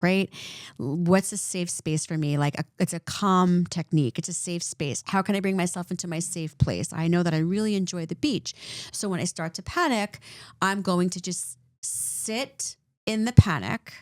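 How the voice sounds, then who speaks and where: A woman's voice: lowish voice, moderate pace, dry recording, clean studio sound. A woman clinician co-hosting a podcast, explaining points in a conversational way and often checking in with "right?". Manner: animated, repeats points with "right?".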